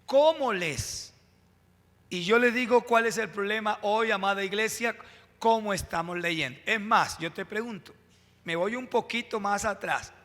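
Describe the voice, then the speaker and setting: Male pastor, high bright tone, emphatic sermon delivery in a reverberant church. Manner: preaching with dramatic pauses, rising emphasis and asides to the congregation. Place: church sanctuary. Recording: long hall reverb from a church.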